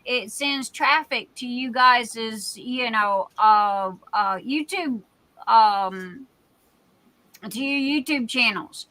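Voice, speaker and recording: Slow, bright-voiced woman in her sixties. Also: on the high side, low-quality recording. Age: 60s. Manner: chatty and rambling, often drifting off topic. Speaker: livestream host and craft shop owner. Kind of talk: casual livestream chat. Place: at home.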